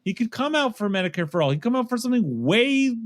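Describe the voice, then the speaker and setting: A man's voice: very high voice, big pitch swings, fast talker, no echo. A man co-hosting a political podcast, ranting in a profane way that keeps trailing off and restarting. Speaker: podcast co-host. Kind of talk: casual political chat.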